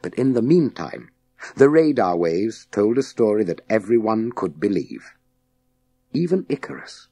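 A man narrates a children's science fiction novel from a script in a low, mellow voice with a slightly husky edge, and no room sound is audible. Very slow, measured and dramatic, he leaves deliberate pauses between phrases and swings his pitch widely, like a practised audiobook narrator telling children a tale.

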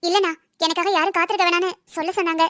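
A voice doing a shrill gentle cartoon young wife. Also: little pitch movement, rapid-fire, no echo, studio quality. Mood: placating. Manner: soothing, placating. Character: young married woman, gentle peacemaker. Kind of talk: cartoon drama voice acting.

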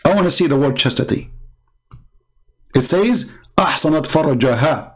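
A man's voice: a little high, lively intonation, brisk. A man hosting a channel and giving polemical commentary in non-native English, mocking and sarcastic, trading insults. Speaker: channel host and religious debater.

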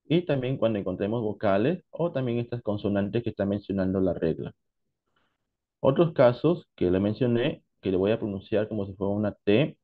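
Male English teacher from Peru, unhurried classroom explainer, dull low-fidelity recording. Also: animated. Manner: slow, deliberate explanations mixing Spanish and English. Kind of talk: online class lesson.

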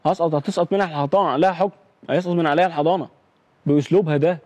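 Agitated Egyptian man talking very fast. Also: on the high side, fairly even intonation, darkish tone, dry recording. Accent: Egyptian Arabic. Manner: agitated, swearing oaths, insistent. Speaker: caller.

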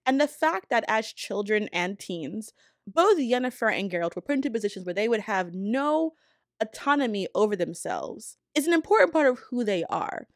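Speaking at a moderate pace, this thirty-something video essayist sounds a little high and very animated as she offers her strong, casual opinions. She records in a small home room on an arm-mounted desk mic, giving clean studio sound without room reverb, and music runs underneath.

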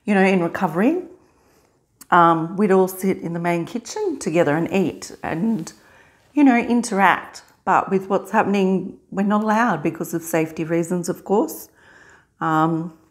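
A middle-aged woman in a casual mukbang vlog, chewing while talking in a halting, unhurried way with pauses to eat. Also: fairly low pitch, animated. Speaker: vlogger. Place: small indoor hospital room.

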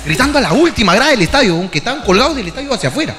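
A man with a Peruvian accent telling a comic story as a podcast host, animated and profane, often breaking into shouts. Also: extremely high pitch, racing, long reverb tail. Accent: Peruvian Spanish. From Peru.

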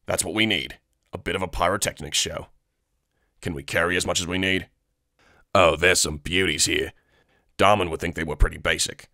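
A man's voice: low voice, gravelly, sharp tone, no echo, pitched below the performer's own voice, heavily acted. A man voicing a blunt male clone soldier in clipped, dry lines.

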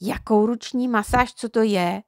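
A woman's voice: fairly high pitch, no room sound, clean studio sound, lightly acted. A woman voicing a kind, fussy little girl in a storybook who talks in a sweet, coaxing, motherly way.

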